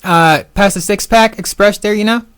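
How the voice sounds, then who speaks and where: High male voice, excitable rambling podcast co-host. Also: normal speed, clear, resonant tone, no room sound, studio quality. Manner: excitable, rambling with lots of fillers. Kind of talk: casual chat, storytelling.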